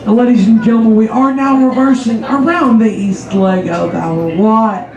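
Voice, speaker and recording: A man's voice: sits high, fairly even intonation, moderate pace. A man working as tour guide and trainman, addressing passengers in a projected, ceremonious announcer's delivery. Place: aboard a train carriage. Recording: echoey, loud train noise.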